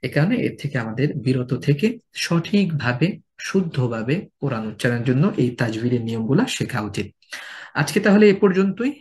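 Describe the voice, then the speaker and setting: A male teacher with a Bangladeshi Bengali accent gives a methodical tajweed lesson. He drills each letter aloud, then says it the wrong way to show the difference, at a measured pace and a middle pitch. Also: lively intonation, darkish tone. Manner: slow, repetitive drilling of letter sounds, contrasting right and wrong pronunciation. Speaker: Quran recitation teacher.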